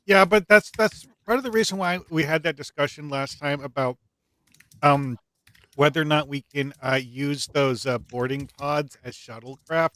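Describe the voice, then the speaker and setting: A man's voice: on the high side, normal speed, fairly bright tone, no echo. A man playing in a tabletop game, explaining earnestly and rambling with fillers. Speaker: player. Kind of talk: casual chat during a tabletop game.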